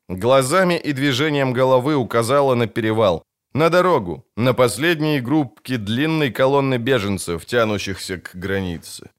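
A man reading a fantasy audiobook aloud in steady, dramatic scripted narration. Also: mid-range voice, clear, resonant tone.

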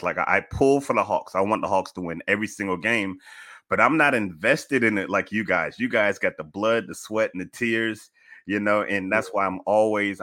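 Deep-voiced man hosting a casual podcast. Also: sharp tone. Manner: informal, colloquial, addresses guest as man. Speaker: podcast host. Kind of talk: casual sports podcast chat.

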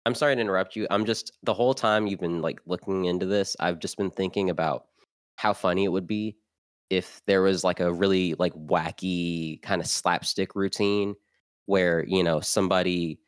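A man's voice: deep voice, steady tone, normal speed, clean tone, no room sound, studio quality. A man co-hosting a podcast, chatting casually in a laid-back, blunt way. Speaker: podcast co-host. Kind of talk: casual chat.

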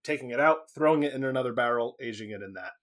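A man co-hosting a podcast in casual chat, animated and laughing often. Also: medium pitch, fast. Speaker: podcast co-host.

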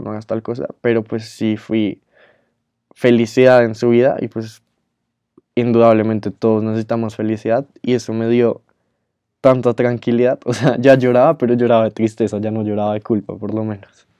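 A man's voice: lowish voice, level tone, brisk, dark tone, smooth, no room sound. A young man, telling a personal story to his viewers in an earnest, emotional way with many fillers. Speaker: YouTuber.

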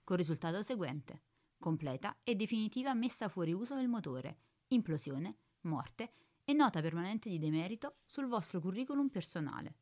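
A woman voicing a calm, precise spaceship computer in a radio drama, speaking in a flat, formal, bureaucratic way. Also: lowish voice, moderate pace.

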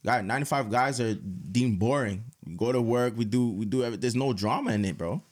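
A man's voice: medium pitch, a little fast, slightly rough. A young man hosting a podcast in casual, slangy banter, repeating phrases for emphasis. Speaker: podcast host.

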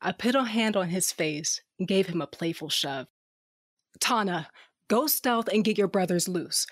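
A woman gives an expressive, slightly slow reading in a mid-range voice, narrating in the first person as a tough fighter with a cybernetic eye. The character is sardonic, blunt, and profane, with dry humor and a gruff, wry mood.

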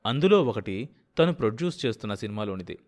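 A man's voice: fairly low pitch, sing-song, fast talker. Man reading a story steadily. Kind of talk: storybook narration.

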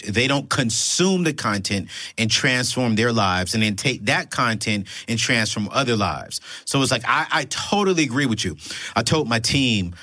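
This man hosts a laid-back podcast chat, rooting for his guest through lively, encouraging interjections. He comes from Darlington, South Carolina, and speaks at a medium pitch on a dry, studio-quality recording.

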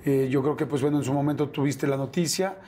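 A man interviewing a guest, speaking in a gentle, reflective way with fillers. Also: medium pitch, quick pace, a little hiss or hum. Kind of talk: conversational interview.

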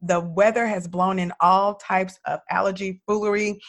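A woman hosting a podcast in casual chat. She sounds hoarse from allergies and talks in an effusive, emphatic way. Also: mid-range voice, little pitch movement, moderate pace. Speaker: podcast host.

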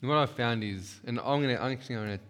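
Rapid-fire and a bit bright at medium pitch, a man leads a church workshop session in a church hall. He talks in a conversational, emphatic way, often checking in with the audience, while a long reverb hangs in the hall.

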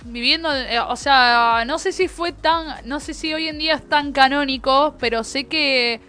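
A young woman with an Argentine Spanish accent, co-hosting a casual chat in a lively, emphatic way. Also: sits high, a little slow, faint music behind. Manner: lively, emphatic, eager to agree. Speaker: podcast co-host.

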